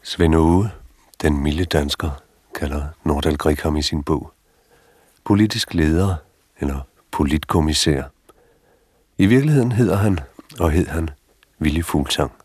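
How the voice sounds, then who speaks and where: A man narrating a documentary in a calm, formal scripted manner. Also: a bass voice, long pauses, husky, no echo, clean studio sound.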